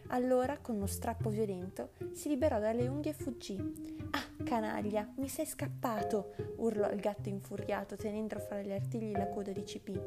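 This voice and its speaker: Female storyteller, expressive read-aloud, music loud underneath. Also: medium pitch, a little fast, hardly any pauses. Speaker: narrator. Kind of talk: children's story reading.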